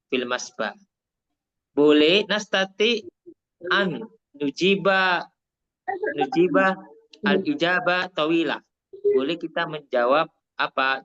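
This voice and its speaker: A man from Indonesia with a Javanese accent, teaching Arabic in an online class, mixing Arabic and Indonesian and repeating things slowly to explain. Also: mid-range voice, pushed and bright, lo-fi sound.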